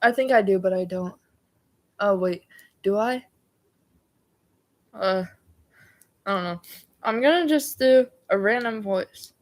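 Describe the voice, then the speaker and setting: A woman's voice: mid-range voice, slow, pauses often. A woman livestreaming casually, rambling and stumbling over words as she reads homework aloud. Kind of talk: casual livestream chat while doing homework.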